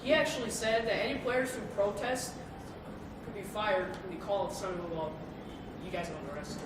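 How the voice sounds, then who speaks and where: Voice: mid-range voice, normal speed. A seventh-grade student playing a parody news co-anchor with an informal, conversational way of interviewing. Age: young adolescent, about 12 to 13. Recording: noisy, echoey room, distant mic.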